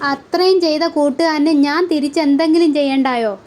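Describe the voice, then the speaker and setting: A woman recapping a television serial episode, reading out every role's lines in one plain, even voice. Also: high voice, a little fast. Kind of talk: reading out soap opera dialogue.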